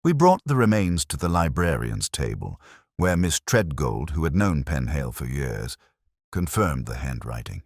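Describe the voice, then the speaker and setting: A man with a husky, extremely deep voice tells a detective tale in the first person, his delivery thoughtful, literary, and full of pitch movement. There's almost no room sound and no echo.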